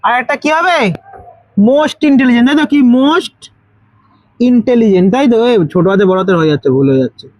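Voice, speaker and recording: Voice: medium pitch, lively intonation, brisk, a little mellow, dry recording, rough recording. A tutor with a Bengali accent teaching grammar to school students, asking questions, repeating the answers and spelling words out letter by letter.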